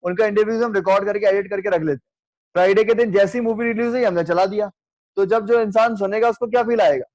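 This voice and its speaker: A man teaching a radio class, explaining with everyday examples and checking with students through quick questions. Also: sits high, fairly even intonation, a little mellow, no echo, poor audio. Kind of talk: classroom lecture.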